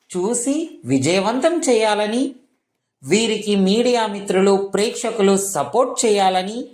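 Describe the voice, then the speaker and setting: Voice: medium pitch, roomy sound. A local news reporter reading a news report in a formal announcing tone, going through long lists of names and titles.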